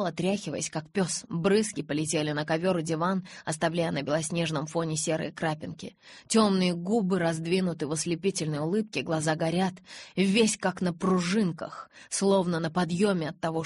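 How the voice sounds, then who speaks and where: A woman narrating a first-person novel in an expressive, dramatic way, recorded close on a studio mic. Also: lowish voice, moderate pace, dry recording. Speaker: audiobook narrator.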